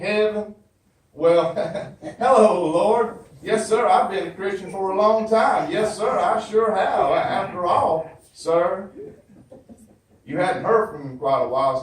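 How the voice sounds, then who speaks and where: A man with a Southern US accent performs a folksy comedy monologue as a flustered churchgoer, voicing one side of a phone call while stammering and repeating himself. His voice is high and his pace measured. The hall is very echoey and the microphone distant.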